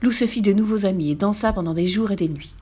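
A woman's voice: medium pitch, fast, slightly rough. Woman reading a children's story aloud. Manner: lively, expressive reading.

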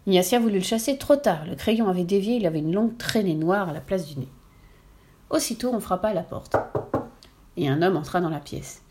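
A woman reading a children's story aloud with lively, expressive narration. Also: on the low side, brisk.

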